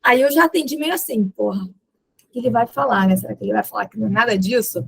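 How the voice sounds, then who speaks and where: A woman's voice: on the high side, quick pace, gravelly, husky, low-quality recording. A young adult woman with a Brazilian accent, a podcast guest telling a personal story and acting out the dialogue in it. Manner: lively retelling that acts out quoted dialogue, with laughs.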